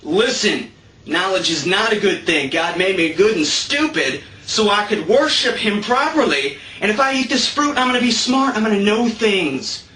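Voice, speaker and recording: A man's voice: high voice, animated, moderate pace, pushed and bright. Brief: a naive, pleading young woman, Eve done by a man, recorded from a distance in an echoey space. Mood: earnest. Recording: roomy, mic at a distance.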